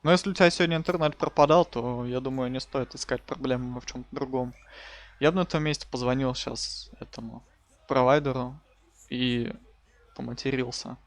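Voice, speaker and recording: Brisk and steady, a mid-range male voice with no echo delivers informal play-by-play on his wrestling game stream. The chatter is colloquial and full of slang.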